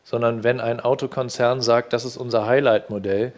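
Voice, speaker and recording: A man's voice: mid-range voice, steady tone, normal speed. Guy in his 50s, studio talk show, keeps restarting sentences, headset mic. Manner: hesitant, many restarts and fillers. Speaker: reporter recounting a car fair visit. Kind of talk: studio discussion.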